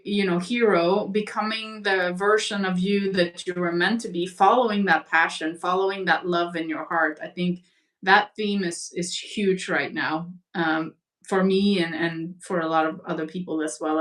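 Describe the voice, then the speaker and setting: A woman's voice: on the low side, fairly even intonation, normal speed. Reflective woman on a distant mic. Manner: reflective, gentle, uses imagery. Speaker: guest. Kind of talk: spiritual conversation.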